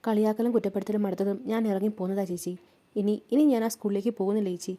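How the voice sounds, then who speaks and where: Woman doing a tearful schoolgirl, raised and strained, dark mellow tone; storybook role. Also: mid-range voice, fairly even intonation, fast talker, lightly acted. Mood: upset. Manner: tearful, complaining questions. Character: teenage schoolgirl, hurt and upset.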